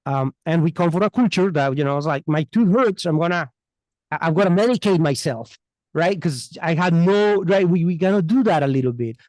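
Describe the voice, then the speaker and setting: A man with a thick foreign accent, an immigration attorney appearing as an expert podcast guest, answers unscripted, earnest and emphatic and prone to repeating phrases. He sounds a little high, animated and brisk, with a slightly mellow tone. The recording is rough, though free of room sound.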